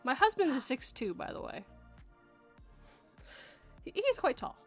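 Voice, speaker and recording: A Canadian woman in her thirties hosts a casual podcast-style chat show, reading out chat messages while she laughs and talks loosely. Her voice is high-pitched with big pitch swings and an unhurried pace, and faint music plays behind her.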